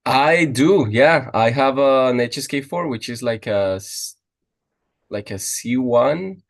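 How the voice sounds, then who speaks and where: A man's voice: medium pitch, slow. A young man, a podcast guest in casual chat, restarting often and using many fillers. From Costa Rica. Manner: restarting, filler-heavy, lively.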